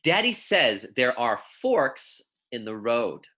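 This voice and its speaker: An elementary school teacher leads a read-aloud lesson for young children, friendly, informal, and encouraging. Her voice is medium-pitched, sing-song, slow, pushed, and bright.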